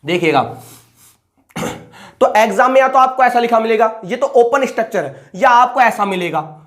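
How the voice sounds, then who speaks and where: A man's voice: extremely high pitch, lively intonation, normal speed, fairly bright tone. Man teaching chemistry, answering his own questions. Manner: asks a question and then answers it himself; repeats key terms several times. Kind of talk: online chemistry lecture.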